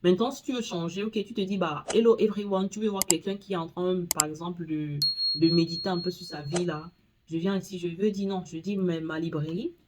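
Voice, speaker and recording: A woman hosting a casual screen-recording tutorial, talking straight to the viewer and reading English screen text haltingly. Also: lowish voice, fairly even intonation, background noise. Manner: chatty, talks straight to the viewer. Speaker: tutorial host.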